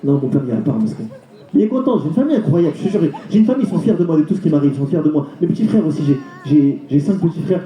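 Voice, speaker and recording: Fast-talking, animated stand-up comedian. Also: male voice, fairly high pitch, a little hiss or hum. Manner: rapid, animated storytelling with acted voices. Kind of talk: stand-up routine. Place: live comedy show venue. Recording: echoey venue with crowd.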